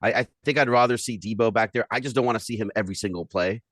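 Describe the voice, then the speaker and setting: A man with a New York accent talking football on a podcast, animated and often laughing, repeating himself as he goes. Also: lowish voice, very fast, dry recording, clean studio sound. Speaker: podcast co-host. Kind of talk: casual sports chat.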